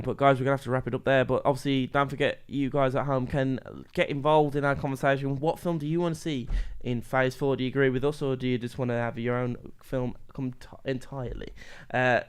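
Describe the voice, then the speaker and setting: A man's voice: mid-range voice, level tone, fast, few pauses, smooth. A man hosting a casual podcast chat, chatty as he steers the talk and plugs upcoming episodes. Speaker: podcast host.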